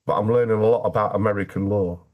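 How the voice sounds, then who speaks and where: A man's voice: lowish voice, fairly even intonation, fast talker, dull audio. A British man speaking as an interview guest, telling his personal story candidly in a plain-spoken way with dry, wry humour.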